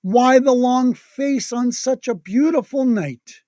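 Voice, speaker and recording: A storyteller acts out a jolly old man from a Christmas storybook. He is hearty and kindly, speaks slowly and sounds avuncular, in a dry recording. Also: high-pitched, mellow, no echo, voice pushed up.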